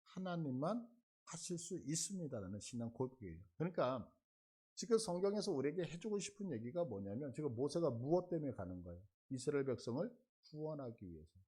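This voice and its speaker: Animated husky Korean pastor preaching. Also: male voice, on the high side, brisk. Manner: lively storytelling, acting out dialogue in voices. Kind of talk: sermon.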